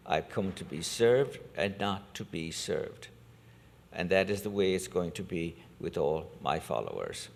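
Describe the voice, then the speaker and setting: A very low-voiced man leads the service as a priest, reading scripture and preaching at a steady, deliberate pace. His words ring out in a cathedral echo, with a long reverb trailing behind each phrase in a large church. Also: creaky. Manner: measured, deliberate liturgical delivery. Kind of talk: gospel reading and homily.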